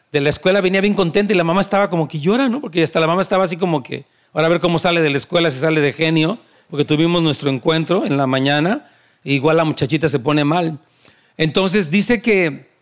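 High-voiced man preaching a sermon. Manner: conversational storytelling with repeated emphatic phrases.

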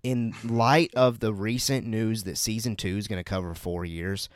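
A man's voice: lowish voice, steady tone, normal speed, dry recording, studio quality. A man co-hosting a casual podcast, talking with enthusiasm and often repeating words as he starts a thought. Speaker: podcast co-host.

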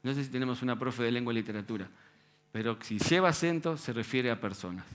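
A male preacher with a Rioplatense accent delivers a sermon in a relaxed, chatty register. He drops in slang and piles up rhetorical questions aimed straight at the congregation. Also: medium pitch, fast talker. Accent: Rioplatense Spanish.

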